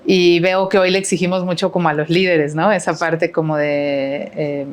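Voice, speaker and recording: A middle-aged woman guesting on a podcast speaks with a Mexican Spanish accent in a lowish voice, at a moderate pace and with fairly even intonation. Throughout the casual interview she rambles, dropping in lots of fillers and tag questions.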